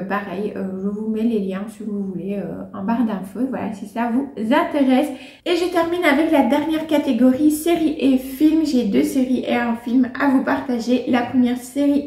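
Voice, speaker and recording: A woman's voice: high voice, darkish tone, reverberant. A woman chatting casually about favourite books and finds, with many fillers and frequent laughs. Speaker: book and lifestyle vlogger. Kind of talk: casual chat, reviewing favourites.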